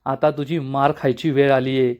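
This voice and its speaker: A man's voice: mid-range voice, flat delivery, normal speed, darkish tone, smooth, lo-fi sound, close to an everyday voice. A man voicing an angry, strict middle-aged village mother scolding her daughter. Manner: scolding, harsh.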